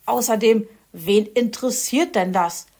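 Woman doing a gruff grumbling fox. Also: a little high, unhurried, a little mellow.

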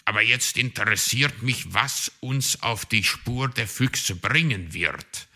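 A man's voice: mid-range voice, lively intonation, takes it slowly, bright, forceful tone, voice pushed up, full character voice. A man voicing a doubtful, grumbling male raven in a storybook read-aloud, who caws between words. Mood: skeptical. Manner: skeptical, caws "Kra".

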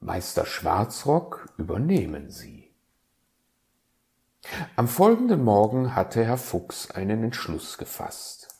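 A man narrating a children's storybook calmly. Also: sits low, vocal fry.

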